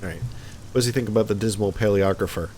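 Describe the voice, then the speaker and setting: A man's voice: lowish voice, quick pace, mellow, a little hiss or hum. A man hosting a let's play, casually reading game text aloud with chatty asides and small slips.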